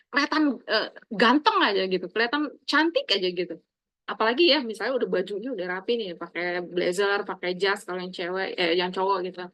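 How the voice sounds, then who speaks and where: A middle-aged woman lecturing her students, speaking in an animated, emphatic way and addressing them fondly as her children. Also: a little fast, dry recording, low-quality recording. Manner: animated, addresses listeners as "Nak", emphatic swings in pitch and loudness.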